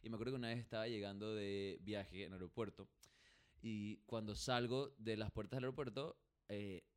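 Animated man telling stories. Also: fairly low pitch, normal speed, clean tone. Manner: animated storyteller, laughs often, slips into English slang. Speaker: podcast co-host. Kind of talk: casual chat, storytelling.

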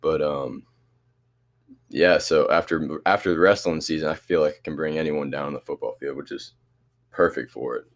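A man's voice: a bass voice, fairly even intonation, normal speed. A teenage boy athlete answering interview questions in an easygoing, hesitant way, with many restarts. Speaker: student athlete.

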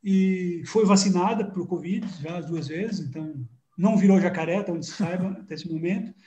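High-voiced Brazilian man telling stories. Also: moderate pace, reverberant, lo-fi sound. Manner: rambling, repeats words, animated storytelling. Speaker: guest filmmaker. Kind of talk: casual interview chat.

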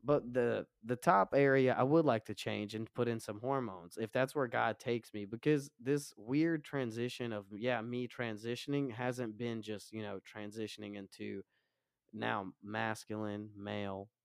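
A deep, low male voice with a relaxed stoner drawl, speaking candidly about himself in conversation. The sound is close and dry, like an informal interview. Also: unhurried, creaky, clear, resonant tone, no echo. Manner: laid-back stoner drawl. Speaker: interview guest.

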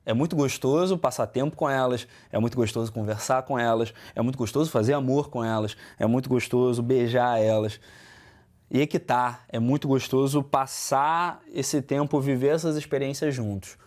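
Brazilian male host, mid-pitched, earnest advice-giver. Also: moderate pace, darkish tone. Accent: Brazilian Portuguese. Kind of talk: casual podcast chat.

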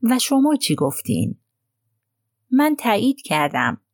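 A woman voicing a hesitant, gentle young gentleman who falters as he speaks in an audiobook. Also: a little high, huge pitch swings, no room sound, studio quality, voice pushed up. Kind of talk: audiobook reading.

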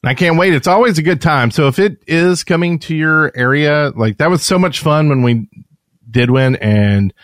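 A man's voice: fairly high pitch, normal speed, no room sound, studio quality. A man co-hosting a podcast in casual chat, rambling and correcting himself as he talks. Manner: rambling, self-correcting, chatty. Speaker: podcast co-host.

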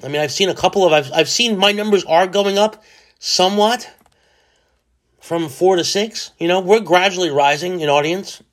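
Male solo podcast host, forties, slightly high voice, loose rambling jokey delivery that mocks himself. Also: normal speed. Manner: rambling, self-mocking and jokey.

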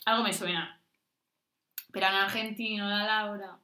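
Playful young woman, bright voice. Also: medium pitch, steady tone, normal speed. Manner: wry, playful, mixes in English quips. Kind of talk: casual chat among friends. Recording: echoey room.

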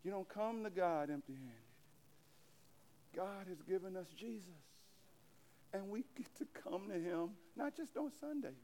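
A man's voice: high-pitched, lively intonation, a little slow, long pauses, a little mellow, slight background noise. A man preaching a sermon at a church service, emphatic and repetitive as he addresses the congregation. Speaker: pastor.

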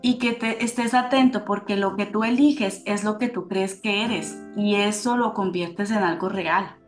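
A woman spiritual speaker, medium-pitched and in no hurry, recounts a personal experience with feeling and draws a spiritual teaching from it. Faint music plays in a roomy, echoing space.

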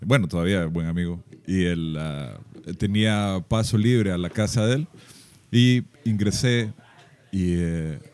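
A man's voice: deep voice, measured pace, a little mellow. A man with a Honduran accent telling a story in a casual chat, dropping in English words and repeating himself. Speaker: podcast co-host.

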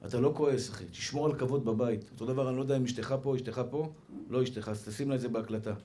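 A middle-aged man preaching to a live audience as a rabbi, lively and playful, acting out the people in his stories. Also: medium pitch. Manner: lively, playful, acts out quoted people, shifts between loud and hushed.

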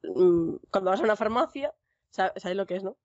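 A woman's voice: mid-range voice, animated, dry recording, muffled recording. A young woman from Spain with a Spanish accent, chatting casually as a streamer guest. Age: young adult. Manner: quick chatty talk with frequent "en plan" and "sabes". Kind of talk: casual podcast chat.

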